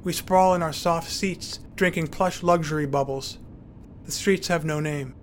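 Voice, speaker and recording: A man's voice: a little high, steady tone, a little slow, slight background noise. A man narrating his memoir in a wry, dryly humorous way.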